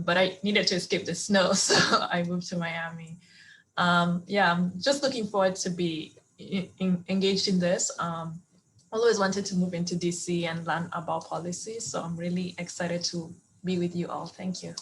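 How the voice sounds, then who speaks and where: A woman's voice: lowish voice, steady tone, moderate pace, slight background noise, rough recording. A woman from Kenya, a PhD candidate, introducing herself briefly on a video call.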